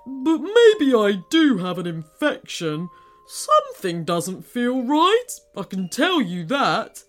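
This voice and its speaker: A woman's voice: a little high, wildly swooping pitch, slow pace, soft background music, heavily acted. A woman voicing a huge, grumpy, miserable volcano with a stomachache, in a storybook reading. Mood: grumbling. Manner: grumbling, miserable, sighing.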